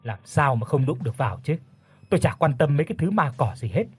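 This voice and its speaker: A man's voice: on the high side, sing-song, fast, a little hiss or hum. A man voicing a hot-tempered middle-aged village father who blusters angrily, in a spoken ghost story. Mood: angry. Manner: angry blustering.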